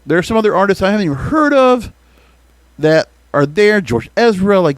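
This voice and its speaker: Animated American man, higher-pitched voice. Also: no echo. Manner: emphatic, rhetorical questions. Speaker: podcast host. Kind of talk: opinionated music radio commentary.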